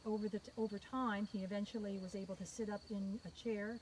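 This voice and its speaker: A woman's voice: medium pitch, steady tone, quick pace, darkish tone. Woman tour guide storytelling outdoors amid noise. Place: outdoors in a cemetery at night. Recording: outdoor recording with clear background noise, crickets.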